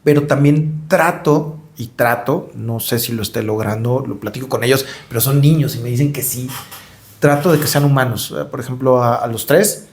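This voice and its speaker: At medium pitch and a moderate pace, a middle-aged man with a Mexican accent shares stories as a podcast guest. He comes across as reflective, and he repeats words while searching for them throughout this conversational interview.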